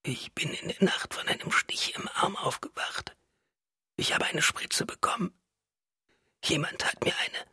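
A man reading an audiobook aloud, voicing a weak, terrified woman in a hospital bed in a faint, breathy whisper. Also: on the high side, measured pace, sharp tone, no room sound, studio quality, pitched above the performer's own voice, exaggerated voice. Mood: desperate whisper.

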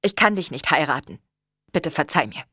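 A woman's voice: low-pitched, sing-song, moderate pace, bright, forceful tone, breathy edge, dry recording, clean studio sound, heavily acted. A woman voicing a tired, guilt-ridden man who hesitantly confesses an affair in an audiobook. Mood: apologetic. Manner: hesitant, subdued. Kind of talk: audiobook reading.

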